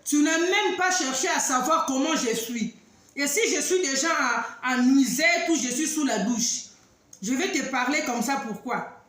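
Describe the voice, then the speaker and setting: A high-pitched woman speaks in a strongly echoing room. She tells a story in an animated, emphatic way, sometimes loud and sometimes dropping to low asides. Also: normal speed. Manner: emphatic, warning, swings between loud outbursts and low asides. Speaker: online talk host addressing women. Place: living abroad in southern Africa. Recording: very echoey room.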